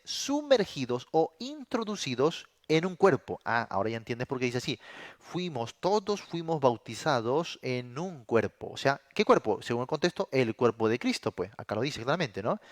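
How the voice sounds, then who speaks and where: A male pastor teaching from the Bible in a plain, unadorned way, pausing to ask his listeners rhetorical questions. His voice sits at a middle pitch, and the recording is dry and close with little room sound. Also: dry recording. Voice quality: says he suffers from a throat condition. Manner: plain explanatory, asks rhetorical questions, frequent "¿no?".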